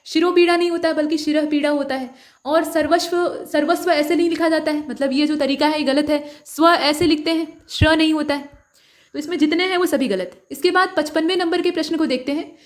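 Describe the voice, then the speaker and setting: A woman's voice: high-pitched, fairly even intonation, a little fast. A woman working through mock test answers as a tutor, patient and step by step, often asking listeners for the answer. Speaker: Hindi exam tutor.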